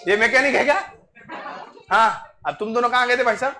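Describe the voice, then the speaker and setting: A man's voice: very high voice, a little fast. A man lecturing a class on finance, joking and bantering with his students. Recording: noisy classroom crowd. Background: students chatting.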